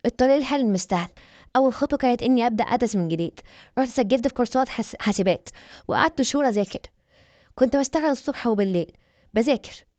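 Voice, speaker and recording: An Egyptian woman tells a dramatic first-person story with emphatic delivery. She speaks fast in a fairly high voice. The sound is dry and a little dull. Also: animated, a little mellow, no room sound.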